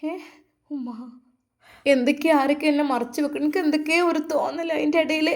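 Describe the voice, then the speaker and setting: A woman's voice: sits high, steady tone, brisk, pitched above the performer's own voice. A woman voicing a grieving pregnant young wife who pleads through tears. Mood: tearful. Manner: tearful, breaking pleading.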